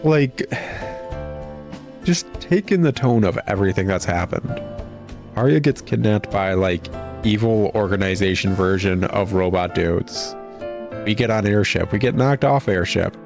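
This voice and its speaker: This man's voice is fairly low and creaky as he critiques a video game in a casual, blunt way. He sounds sarcastic and exasperated, and he reads cutscene lines aloud between comments.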